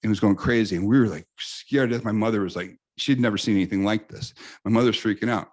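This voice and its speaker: A very deep-voiced American man in his fifties, sitting in as an interview guest. He tells lively stories in a loose, conversational way, stopping and restarting his sentences as he goes. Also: fast talker. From United States. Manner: animated anecdotes with frequent restarts. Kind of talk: casual storytelling in an interview.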